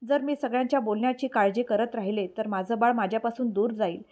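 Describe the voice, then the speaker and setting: A woman voicing a fragile, tearful young woman who speaks quietly and softly in a storybook reading. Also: fairly high pitch, steady tone, quick pace, close to an everyday voice. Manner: quiet and soft-spoken.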